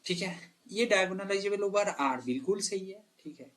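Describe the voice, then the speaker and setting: A man's voice: sits high, normal speed, fairly bright tone. A man teaching a math lesson, talking straight to his students, checking in with them often and correcting himself as he thinks aloud. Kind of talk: exam problem walkthrough lesson.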